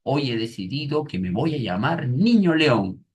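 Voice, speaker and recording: A man reading aloud as an excited little boy who is proud of his pretend powers, with a raised, drawn-out delivery. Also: mid-range voice, breathy edge, pitched above the performer's own voice.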